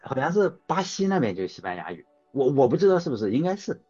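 Husky male host, animated delivery, casual rambling chat, dull lo-fi recording with faint music. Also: medium pitch, fast. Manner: rambling, anecdotal, self-correcting.

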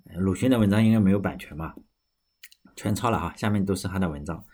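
Male podcaster, lowish husky voice, loose rambling read with frequent self-corrections. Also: fast, darkish tone. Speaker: podcast host. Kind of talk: casual storytelling and reading aloud.

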